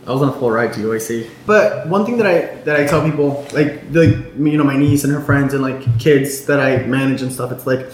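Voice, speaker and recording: A man's voice: medium pitch, a little fast, hardly any pauses. A young man from Chicago talking casually as an interview guest, telling stories with lots of fillers and quoted dialogue. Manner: chatty storyteller, many fillers and quoted dialogue. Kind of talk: casual chat. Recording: echoey room with faint noise.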